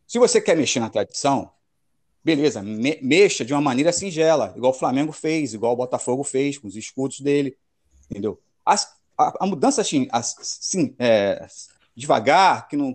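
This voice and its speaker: A man's voice: medium pitch, expressive, brisk, a little mellow. A man from Brazil hosting a casual football chat, emphatic and opinionated, full of slang. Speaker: podcast host.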